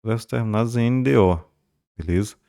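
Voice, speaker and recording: Brazilian male teacher, emphatic and lowish. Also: gravelly, warm tone, smooth, dry recording, clean studio sound. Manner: pointing things out, frequent checks like "beleza?" and "né?"; emphatic, repeats key words slowly. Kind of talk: grammar lesson at a board.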